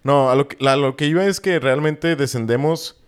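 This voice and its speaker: A young Mexican man with a Jalisco accent, talking in a loose, slangy way full of swearing. He wanders through long explanations in an easy podcast chat, his pitch sitting in an ordinary middle range. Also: normal speed, smooth. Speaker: podcast co-host. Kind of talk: casual chat.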